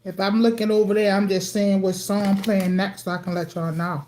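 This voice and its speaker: A woman's voice: medium pitch, flat delivery, moderate pace, a little mellow, a little hiss or hum. A woman doing a casual livestream tarot reading at home, chatty and informal, calling her viewers y'all and eating as she talks. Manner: chatty, eats while talking, addresses viewers as y'all. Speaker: tarot card reader. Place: at home with TV playing.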